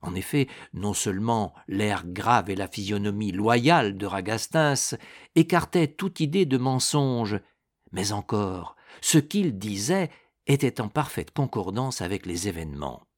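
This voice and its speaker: Slow, expressive male narrator. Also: on the low side. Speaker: audiobook narrator. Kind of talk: scripted narration.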